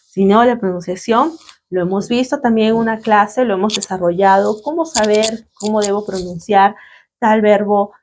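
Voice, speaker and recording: A woman's voice: mid-range voice, steady tone, moderate pace, a little mellow, a little hiss or hum. A woman English teacher with a Latin American Spanish accent, explaining grammar patiently and checking in with her students through frequent tag questions. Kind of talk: slow grammar lesson.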